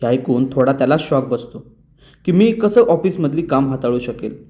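A man's voice: mid-range voice, animated, normal speed, mellow. A man reviewing a TV serial episode, recapping the plot in storytelling style. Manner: storytelling recap, acts out dialogue. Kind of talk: retelling a TV episode.

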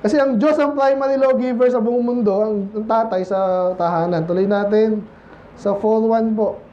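A man's voice: high voice, fairly even intonation, moderate pace, warm tone, muffled recording, a little hiss or hum. A man preaching a Sunday sermon, casual and conversational, often asking the congregation "Amen?" and mixing in English phrases. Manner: mixes English phrases into Tagalog. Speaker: pastor. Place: church.

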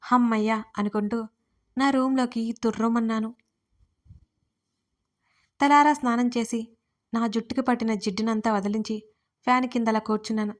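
A woman, the writer and narrator, telling a romantic story in the first person in a lively, chatty way. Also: a little high, moderate pace, pauses often.

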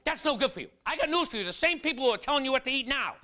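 High-voiced guy doing standup at a club, punchy and bright, slips into shouty voices for bits. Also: expressive, very fast. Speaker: stand-up comedian. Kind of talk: stand-up comedy routine. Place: comedy club stage.

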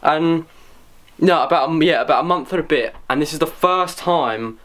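A young adult vlogger chats casually to the camera, swearing, rambling and mocking himself, sometimes out of breath. His voice sits on the high side and is fairly bright, at a moderate pace.

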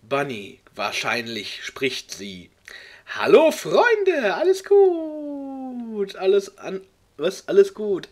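A man with a slightly high voice reads a chaotic fan story aloud for a comedy video. He groans and jokes about the missing punctuation and confusing text, and now and then pitches up into quick character voices. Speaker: video host. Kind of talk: comedic read-along commentary.

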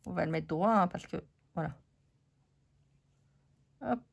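A woman's voice: lowish voice, measured pace, gravelly, slightly rough. A woman with a French accent losing her voice, chatting casually to viewers about craft supplies with many fillers. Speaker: craft channel host. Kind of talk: casual craft haul chat.

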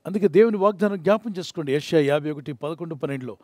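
High-voiced man preaching earnestly. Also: very fast, a little mellow, no room sound, clean studio sound. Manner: earnest preaching, acts out prayers and quotes. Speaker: pastor. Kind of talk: devotional sermon.

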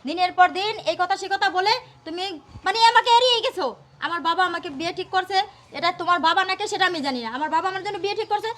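A woman's voice: very high-pitched, rapid-fire, fairly bright tone. A woman playing a cold, dismissive young bride.

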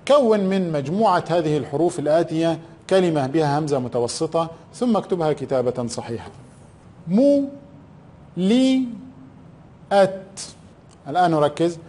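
Male primary teacher, high voice, recorded lesson, answers his own questions, drawls key words. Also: brisk, darkish tone. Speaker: primary school Arabic teacher.

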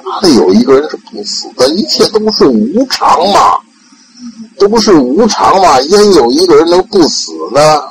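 A patient old male Zen master who explains and insists, raised above the teller's usual pitch, with an old man playing him. The voice keeps a gravelly texture throughout. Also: big pitch swings, normal speed, background noise. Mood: explaining.

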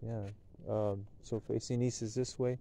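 At night, seated at an outdoor picnic table, a man leads Sabbath prayers and blessings, recorded close by on a handheld camera. His lowish, steady, unhurried voice has vocal fry, and his prayerful delivery rises into loud chanted blessings.

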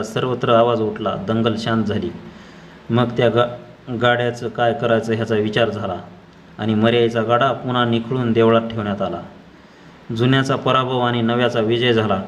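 A man narrates a short story with a measured, unhurried delivery. His voice sits at a plain middle pitch. A faint ambient hum lies under the reading. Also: flat delivery.

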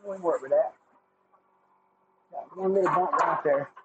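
A man's voice: fairly high pitch, normal speed. A man with a Southern accent casually chatting on a livestream while he builds a guitar, folksy and thankful toward his viewers. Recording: tinny phone-like sound with faint noise.

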